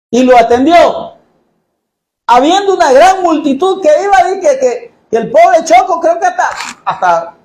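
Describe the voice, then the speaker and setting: A man preaching a sermon in a church, jokey and animated, often asking the congregation questions. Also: very high-pitched, roomy sound, poor audio.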